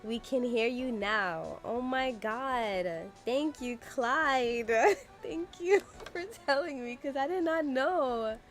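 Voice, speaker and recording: A woman's voice: high voice, takes it slowly, soft background music. A young woman streaming a game from her room, chatting on a desk microphone in a chatty, exasperated way, full of "like" fillers. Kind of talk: casual livestream chat. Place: room at home.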